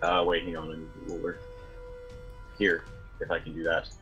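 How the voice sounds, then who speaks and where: Low male player, hesitant and stop-start, muffled lo-fi recording. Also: monotone, brisk, pushed and bright, soft background music. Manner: hesitant, stops and restarts while deciding. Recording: dull, lo-fi sound.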